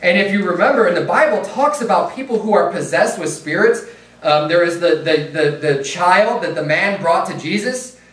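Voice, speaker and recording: A pastor preaching a sermon in a loose, conversational way, with fillers and asides. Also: male voice, sits high, expressive, moderate pace, fairly bright tone. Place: church sanctuary. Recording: echoey room, mic at a distance.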